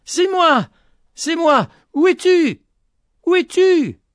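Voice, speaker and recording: A man voicing a desperate young peasant man, shouting high and frantic in a storybook reading. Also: animated, slow, no room sound, clean studio sound, full character voice.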